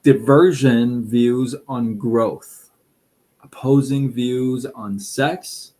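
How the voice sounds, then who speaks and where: Speaking extremely slowly in a mid-range voice, a middle-aged man from Iran hosts a relaxed advice live stream with a Persian accent, rambling casually with plenty of fillers and restarts.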